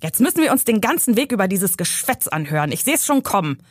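A woman's voice: medium pitch, big pitch swings, fast talker, slightly rough, dry recording. A woman reading aloud from her novel, voicing a grumpy, bossy old uncle who nags from the passenger seat. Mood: nagging. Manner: nagging, scolding commands.

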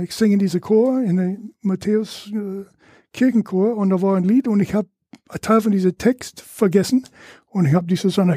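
An older man from Louisiana with an American accent, a native English speaker, chatting as a podcast guest in halting German and searching for his words. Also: high voice, warm tone, slightly rough, dry recording, studio quality. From Louisiana, USA. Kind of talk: casual interview chat.

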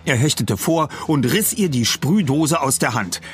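A man narrating an audiobook with lively storytelling. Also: medium pitch, unhurried, soft background music. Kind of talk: audiobook reading.

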